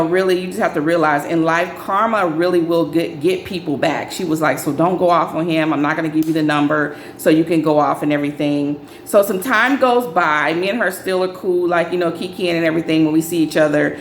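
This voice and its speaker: A young adult woman telling a casual dating storytime, acting out quoted lines in a raised, animated voice. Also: a little hiss or hum. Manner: animated, acts out friends' lines in higher voices. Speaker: storyteller vlogger. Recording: echoey room with faint ambience.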